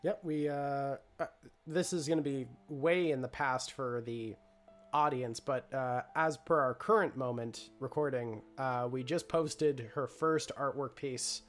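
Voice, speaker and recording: A man's voice: medium pitch, measured pace. Man, podcast host and storyteller, upbeat outro patter, faint music underneath. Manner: upbeat, promotional, with many "uh" fillers. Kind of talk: podcast sign-off.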